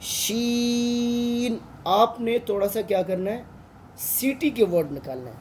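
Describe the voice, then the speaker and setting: A man's voice: high voice, expressive, moderate pace, darkish tone, slight background noise. A man with a Pakistani Urdu accent, an online Quran tutor patiently teaching Arabic letters and drawing out each sound.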